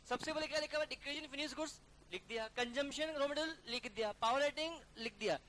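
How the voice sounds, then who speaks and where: A male accounting teacher giving a classroom lecture, briskly coaxing students to call out figures and mixing English terms into his talk. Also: very high-pitched, pushed and bright, a little hiss or hum. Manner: calls students "beta" and "yaar". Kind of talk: classroom lecture working through a problem.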